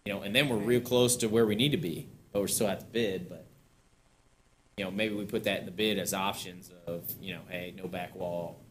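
Low-voiced man rambling at a meeting. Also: steady tone, a little fast. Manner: casual, rambling, chuckles between points. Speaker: parks director presenting to a board. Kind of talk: public meeting discussion. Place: town council chamber, indoors.

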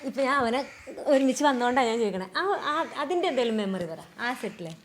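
A woman's voice: fairly high pitch, lively intonation, fast talker, slight background noise. A woman interviewer asking friendly, prompting questions in a casual chat.

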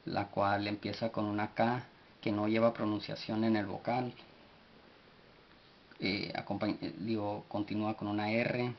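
A man giving a spoken language lesson, slowly spelling out words letter by letter with many pauses and fillers. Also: lowish voice. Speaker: language teacher. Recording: dull recording with faint hiss.

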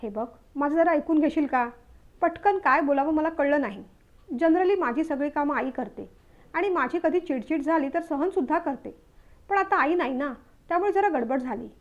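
A woman reading the part of a young newlywed husband who is short-tempered but caring, snapping when irritated and going soft when he apologizes. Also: sits high, moderate pace, muffled recording, lightly acted. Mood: gentle, apologetic.

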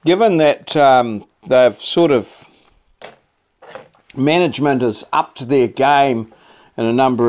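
A middle-aged man with a New Zealand accent, chatting casually to camera in a halting, laconic, blokey way. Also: mid-range voice, darkish tone. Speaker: vlog host. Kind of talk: casual chat to camera while eating. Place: small cluttered home office, indoors.

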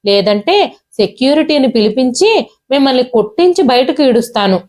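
A woman's voice: sits high, animated, brisk. A woman storyteller voicing a cruel, arrogant grown son who talks down to his father harshly. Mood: shouting. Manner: harsh, dismissive, yelling.

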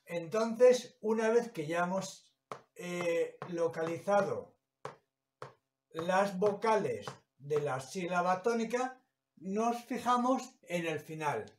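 Slow, patient teacher with a high voice. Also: male voice, animated, slight background noise. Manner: slow, patient, broken into short phrases. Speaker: primary school teacher. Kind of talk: explaining a lesson. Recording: echoey room, mic far off.

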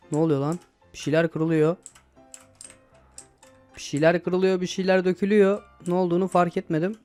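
An excitable young man commentating his own gameplay, with a voice a little higher than most men's. He talks casually, swears and shouts at the game when things go wrong. Faint music plays under his voice. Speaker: gaming YouTuber.

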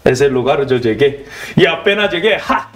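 A young man from South Korea with a noticeably high voice speaks Spanish with a Korean accent. His Spanish is simple and broken, as a learner's is. As an interview guest he tells stories vividly, acting out each scene and quoting himself in a sharply raised voice. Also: animated, normal speed, a bit bright. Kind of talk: animated storytelling in an interview.

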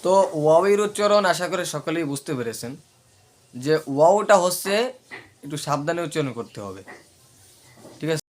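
A man's voice: on the high side, a little hiss or hum. A man with a Bangladeshi Bengali accent teaching Arabic letter pronunciation, repeating syllables in drills and checking whether listeners follow. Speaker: Quran recitation teacher.

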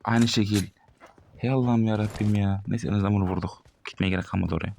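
Excitable young man calling out gameplay. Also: on the low side, fast, creaky, slight background noise. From Turkey. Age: 20s. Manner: excitable, swears and bursts out loud at enemies. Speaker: gaming streamer. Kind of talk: live gameplay commentary. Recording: game gunfire behind the voice.

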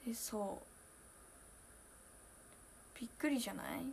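A young woman in her twenties, chatting casually on a solo livestream, emotional and talkative, moving from loud bursts to hushed asides. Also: on the high side, measured pace, creaky, slight background noise. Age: 20s. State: near tears at times. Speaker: idol streamer.

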